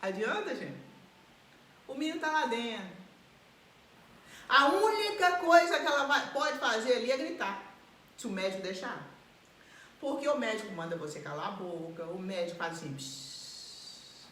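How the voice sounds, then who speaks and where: A woman preaching a live sermon in an animated way, acting out the voices of people she describes. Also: a little high, moderate pace, pauses often. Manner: animated, acts out quoted voices and laughs. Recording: echoey room.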